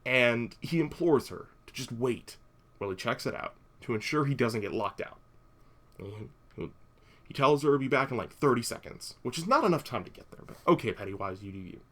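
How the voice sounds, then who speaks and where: A young man talks through a horror film's plot for his podcast in a loose, chatty way. He throws in dry, wry asides and a lot of filler words. His voice sits at an ordinary middle pitch. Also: lively intonation, a little fast, a bit bright. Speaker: podcast host. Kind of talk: casual movie recap.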